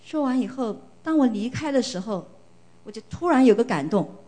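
A middle-aged woman from China tells her story at a church service in a fairly high voice. She speaks earnestly and with feeling, and often repeats a phrase to stress it. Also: animated, moderate pace, mellow. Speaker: church member giving testimony. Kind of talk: church testimony.

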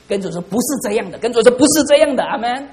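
A man's voice: very high voice, expressive, rapid-fire, a little mellow. A middle-aged man preaching a sermon as pastor, fervent and calling out to the congregation for responses. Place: church hall. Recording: reverberant church hall.

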